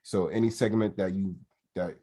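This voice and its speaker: Low-voiced man chatting about wrestling. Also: moderate pace. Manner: animated, mocking asides in a high put-on voice. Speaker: podcast co-host. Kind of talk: casual wrestling review chat.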